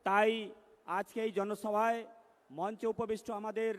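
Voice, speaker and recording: A man giving a declamatory political rally speech from a stage microphone, his words ringing with a long echo from the loudspeakers. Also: flat delivery, moderate pace. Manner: declamatory, rising to loud emphatic declarations. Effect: long booming echo from the rally loudspeakers. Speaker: political candidate addressing a rally. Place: large public rally stage. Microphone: stage microphone through loudspeakers. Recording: long echoing reverb from public-address loudspeakers.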